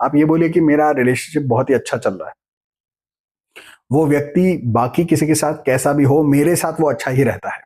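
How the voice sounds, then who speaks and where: A middle-aged man giving a motivational self-help talk, repeating phrases and speaking affirmations slowly and deliberately. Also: fairly high pitch, warm tone, slightly rough.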